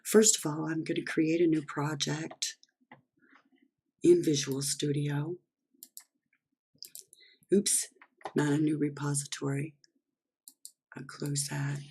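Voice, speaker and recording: A programming instructor, hoarse and losing their voice, explaining step by step while working through a screen-recorded coding lesson. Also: mid-range voice, level tone, takes it slowly, pauses often, a little mellow.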